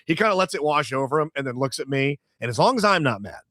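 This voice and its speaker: A man hosting a podcast, telling a crude comic story in lively chat and acting out what others said. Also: on the high side, fast talker, no room sound, studio quality. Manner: animated, crude jokes, acts out quotes. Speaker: podcast host. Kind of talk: casual comedic storytelling.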